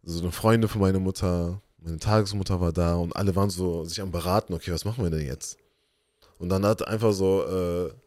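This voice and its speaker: A man's voice: deep voice, a little fast, no echo. A young man co-hosting a podcast, telling personal stories in casual chat and acting out the voices of the people in them. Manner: animated storyteller, acts out quoted voices. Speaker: podcast co-host.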